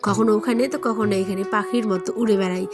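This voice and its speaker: A woman's voice: mid-range voice, steady tone, fast talker, over music. A young woman from rural West Bengal speaking with a Bengali accent as a lifestyle vlogger, chatting to her viewers with frequent tag questions, partly filmed out in the village fields. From West Bengal, India. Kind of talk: chatty vlog narration.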